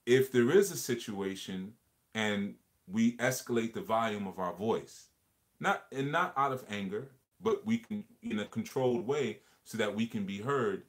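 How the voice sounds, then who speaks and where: Speaking a little slowly in a fairly low voice, a man leads a relaxed livestream conversation. He is earnest and reflective, circling back over words and phrases as he works through an idea.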